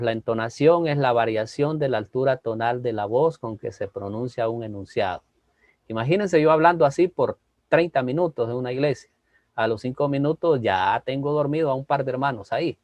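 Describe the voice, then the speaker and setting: A man teaching a homiletics class in a church, animated, often asking "¿verdad?" and moving between strong and soft delivery. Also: no echo. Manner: animated, tag question "¿verdad?" after many phrases; varies loudness and pitch on purpose, drops to soft asides. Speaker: preaching instructor. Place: church hall.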